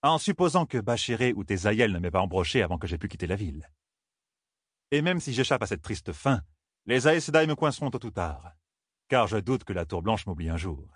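A man voicing a proud, scheming male sorcerer in an audiobook, speaking in a measured, calculating way. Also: on the low side, very animated, husky, no echo, clean studio sound. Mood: reasoning.

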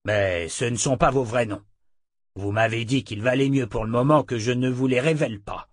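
Morose giant coachman, gruff and grumbling, exasperated, loud, read by a man. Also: mid-range voice, normal speed, no echo, clean studio sound, lightly acted. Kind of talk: audiobook character voice.

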